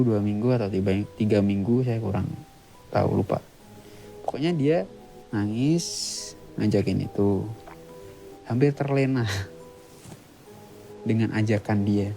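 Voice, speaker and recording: A man talking as a podcast guest, retelling an eerie experience in halting, plain speech with short, clipped sentences. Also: on the low side, warm tone, poor audio. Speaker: guest storyteller, author. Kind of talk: casual spoken retelling of a ghost story.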